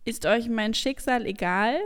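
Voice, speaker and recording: A woman's voice: fairly high pitch, a little slow, clean tone, close to an everyday voice. A woman voicing a frightened stranger sheep that fled from wolves, reading aloud from a storybook. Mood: pleading. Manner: pleading, upset.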